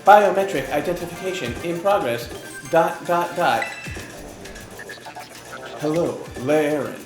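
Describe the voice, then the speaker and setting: A man putting on a calm, flat computer voice with an even, announcing delivery while voicing a game. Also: a little high, measured pace, echoey room, over music.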